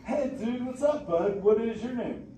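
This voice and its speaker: With an extremely high pitch, lively intonation, and a mellow quality, a man speaks at normal speed as an easygoing male surfer sea turtle who drawls slang and jokes at the audience's expense. It's a live interactive theater show, recorded from far off in an echoey, noisy space.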